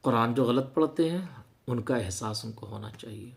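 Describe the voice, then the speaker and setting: Gravelly impassioned male preacher. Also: medium pitch. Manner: swells from quiet to loud, impassioned rises. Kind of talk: sermon.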